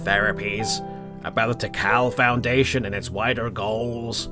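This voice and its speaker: A man's voice: lowish voice, fairly even intonation, measured pace, over music, natural voice. A man playing a fond, teasing crocodile family friend in a scripted audio drama.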